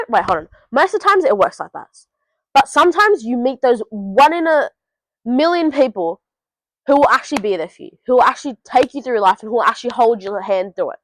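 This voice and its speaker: Speaking directly to viewers from home, this Australian teen swears freely while handing out blunt advice in a casual vlog. Her voice sits on the high side, and the low-quality recording carries no room sound.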